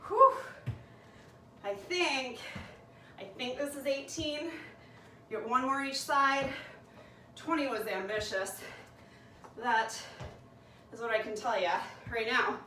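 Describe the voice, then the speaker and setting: A woman's voice: on the high side, slow, pauses often, bright, forceful tone, echoey room, far from the mic, a little hiss or hum, low-quality recording. A woman leading a workout class, coaching and counting reps aloud while she exercises, winded and out of breath. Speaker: fitness instructor.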